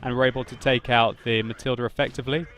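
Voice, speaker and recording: A man narrating his own tank battle gameplay as a voice-over commentary, laughing often and getting loud and excited at big moments. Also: medium pitch, fast talker, slight background noise. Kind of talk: video game commentary voice-over.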